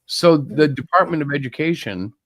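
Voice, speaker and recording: A man's voice: a little high, animated, moderate pace, no echo, studio quality. A middle-aged man co-hosting a live stream, chatting casually and rambling through opinions with jokes mixed in. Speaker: co-host of a live-streamed show. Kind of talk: casual chat.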